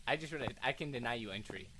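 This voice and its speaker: A streamer chatting casually and excitedly while playing a game with a friend. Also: medium pitch, moderate pace, a crowd in the background. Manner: excitable, animated, joking. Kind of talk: casual gameplay chat.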